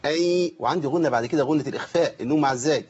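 A man's voice: a little high, rapid-fire, a little mellow, breathy edge, lo-fi sound. A man with an Egyptian Arabic accent teaching Quran recitation on a live call-in lesson, chatty and joking as he corrects mistakes.

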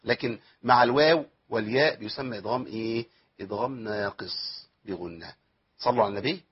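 A man with an Egyptian Arabic accent gives a tajweed lesson, speaking a little fast in a fairly low voice with a breathy edge. He teaches Quran recitation rules by posing questions and answering them himself, drawing out the recited verses as examples. The recording sounds muffled.

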